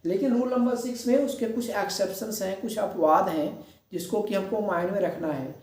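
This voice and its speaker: Indian guy teaching english, high mellow voice, far from mic, really echoey room. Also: a little fast. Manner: explains step by step, repeats points, mixes Hindi and English. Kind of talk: classroom lesson.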